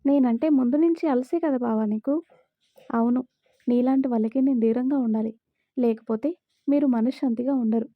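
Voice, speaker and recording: A woman's voice: on the high side, normal speed, no room sound, lightly acted. A woman voicing a tearful young wife who pleads and complains of being wronged, in a dry, slightly dull audio story recording. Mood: pleading. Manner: pleading, aggrieved.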